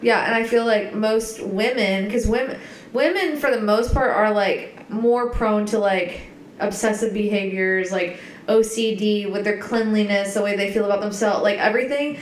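A woman's voice: mid-range voice, normal speed. A young woman co-hosting a casual chat, rambling with many fillers and asking questions. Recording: echoey room with faint noise.

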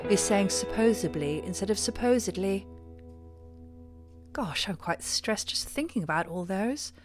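A woman's voice: medium pitch, fairly bright tone. A middle-aged woman hosting a scripted comedy podcast, delivering a countdown of her husband's habits in a dry, exasperated way. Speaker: host. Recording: music bed behind the voice.

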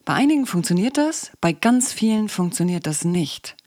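Low-voiced woman hosting a podcast. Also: sing-song, moderate pace, darkish tone, no room sound, clean studio sound. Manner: conversational, asks the listener questions. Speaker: psychologist and coach, podcast host. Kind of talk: casual podcast monologue.

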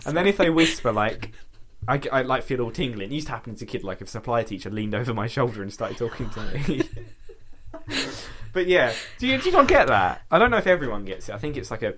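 Lively chatty man. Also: mid-range voice, fast, background noise. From Essex, England. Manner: chatty, rambling, uses "like" constantly. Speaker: podcast co-host. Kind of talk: casual chat.

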